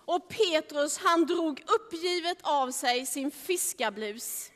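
A woman telling a Bible story to children in a lively, animated way, acting out the scenes. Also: high voice, big-room sound.

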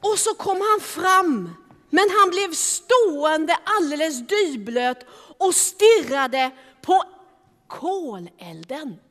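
A woman telling a Bible story to children in a lively, animated way, acting out the scenes. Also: high-pitched, in a large hall.

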